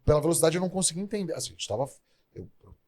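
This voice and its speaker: A man's voice: fairly high pitch, big pitch swings, rapid-fire, dark tone. A man from Brazil hosting an interview podcast, chatty and full of self-corrections as he talks. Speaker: podcast host.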